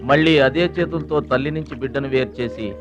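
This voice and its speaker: A man in a film, speaking gently and from the heart as a kind younger brother. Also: medium pitch, quick pace, dull audio, music in the background, lightly acted. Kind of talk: film dialogue.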